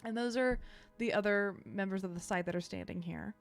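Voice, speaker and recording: A woman's voice: medium pitch, brisk, creaky, faint music behind. Chatty woman game master narrating. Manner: chatty, loosely improvised with many fillers.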